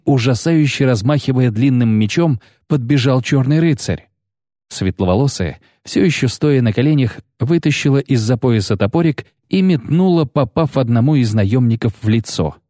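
A man narrating an audiobook in a steady, measured way. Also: medium pitch, no room sound, studio quality. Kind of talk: scripted narration.

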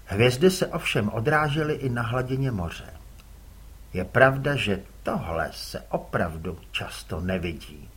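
A man narrating an audiobook with an expressive, dramatic reading. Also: mid-range voice, husky. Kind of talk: scripted narration.

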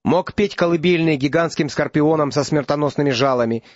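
A man narrating an audiobook in an even, steady storytelling manner. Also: fairly high pitch, fairly quick, no room sound, lo-fi sound. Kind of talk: scripted narration.

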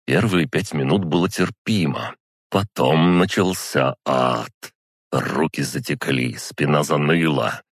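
A man narrating a first-person audiobook in a measured, dry storytelling manner. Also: extremely low pitch, vocal fry, no room sound.

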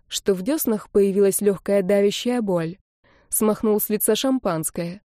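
A woman narrating a romance novel in a calm, even reading on a close mic. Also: mid-range voice, dry recording. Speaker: audiobook narrator. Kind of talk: storybook narration.

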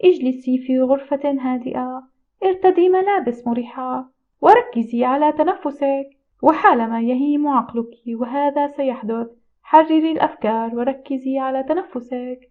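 A woman voicing a calm female spirit medium, speaking in a gentle, measured, instructive way. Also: high-pitched, lightly acted. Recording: tinny phone-like audio.

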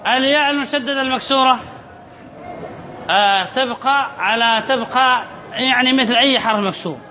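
A man, a sheikh, teaching Arabic spelling in a classroom lesson. He asks questions and answers them himself, repeating phrases slowly. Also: extremely high pitch. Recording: slightly dull recording with faint background noise.

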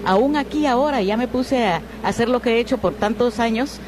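A woman's voice: a little high, a little fast. A woman, a book editor and interview guest, explaining things in an enthusiastic, flowing way. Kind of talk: interview answers. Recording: noisy outdoor traffic background.

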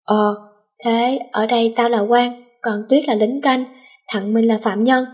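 A woman voicing a rowdy teenage boy who plays a bossy mock judge, with a breathy voice and mock-pompous orders. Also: a little high, fairly even intonation, a little slow, darkish tone.

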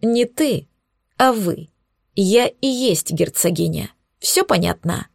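A woman voicing a sharp-tongued young witch who is a duchess, blunt and sarcastic. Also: medium pitch, animated, slow, gravelly, dry recording, studio quality, heavily acted. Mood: sharp, teasing.

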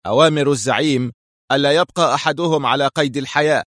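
A man's voice: mid-range voice, fast talker, a bit bright, no room sound, voice pushed up, natural voice. A ruthless squad commander, played by a male narrator in a plain middle register. He gives orders harshly and sneers at his allies, recorded dry and close. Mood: harsh commanding.

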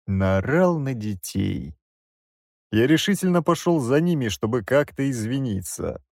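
Brief: male audiobook reader, wry, lively melodic delivery, dry close mic. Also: lowish voice, dry recording. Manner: wry, expressive reading. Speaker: audiobook narrator. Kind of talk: first-person audiobook narration.

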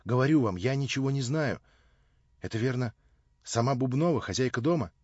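A man's voice: mid-range voice, expressive, brisk, a little mellow, husky, no room sound. A man voicing an earnest, indignant young man. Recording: slightly dull lo-fi audio.

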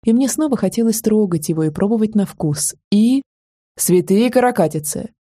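Husky-voiced woman narrating an audiobook. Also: mid-range voice, expressive, fairly quick, dark tone, no room sound, clean studio sound. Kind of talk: first-person audiobook narration.

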